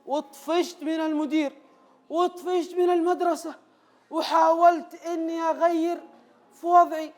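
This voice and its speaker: A jittery, people-pleasing man, played by an actor on stage. He pleads and repeats himself in a notably high voice, with nervous laughter running through the theater monologue. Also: flat delivery, moderate pace. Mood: exasperated storytelling. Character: anxious people-pleasing male ex-teacher.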